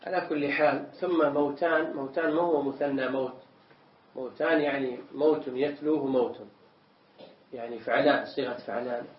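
A man teaching as a sheikh, explaining religious texts in a measured way, often repeating words as he explains. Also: mid-range voice, steady tone, a little hiss or hum. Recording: echoey room, distant mic, dull sound.

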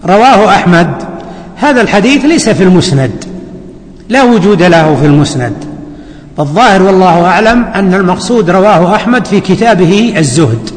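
A man teaching a hadith lesson as a scholar, deliberate and repeating key words for his students. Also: sits high, lively intonation. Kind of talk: classroom commentary lecture. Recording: long hall reverb.

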